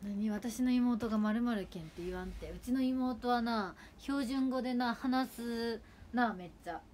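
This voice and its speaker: A woman's voice: on the high side, measured pace, a little mellow. A woman in her twenties from Kagawa, speaking in Kagawa dialect, rambling chattily during a casual livestream at home with her sister. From Kagawa, Japan. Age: 20s. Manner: rambling, chatty, with frequent fillers. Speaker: idol livestreamer.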